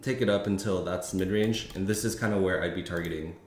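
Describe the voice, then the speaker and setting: Low-voiced man thinking aloud over charts. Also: fairly quick, a little mellow. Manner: rambling, thinking aloud with many fillers and restarts. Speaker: futures trading streamer. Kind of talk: casual live-stream market commentary. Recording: echoey room with faint noise.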